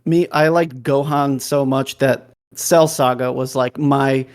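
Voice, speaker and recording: A man's voice: mid-range voice, steady tone, slow. A man on a fan podcast panel, speaking reflectively and saying "like" a lot. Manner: reflective, heavy use of "like". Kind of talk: casual chat.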